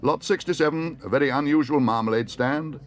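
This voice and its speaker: Man acting a loud, high-pitched storybook auctioneer. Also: brisk, close to an everyday voice. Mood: brisk calling. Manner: calling out bids in a showy chant. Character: brisk male auctioneer, loud, formal and pressing.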